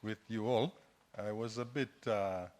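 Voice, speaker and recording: A man's voice: fairly low pitch, measured pace, darkish tone. A middle-aged man with a Fijian accent speaks to an audience in a hesitant, self-deprecating, conversational way. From Fiji. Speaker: guest speaker, entrepreneur. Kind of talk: informal public talk to an audience. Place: indoor hall, standing at a lectern.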